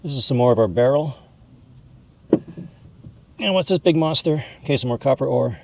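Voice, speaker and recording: In this informal educational video, a mineral hobbyist educator explains and demonstrates in a folksy, chatty way, nicknaming objects "this guy." His medium-pitched voice is darkish with lively intonation and a moderate pace, over a bit of hiss or hum.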